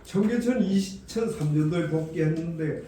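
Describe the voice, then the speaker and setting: Male audience questioner, skeptical and halting, very dark tone; distant, reverberant. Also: fairly high pitch. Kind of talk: challenging question at a lecture. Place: large echoey room at a public lecture. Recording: very echoey hall, distant mic, faint noise.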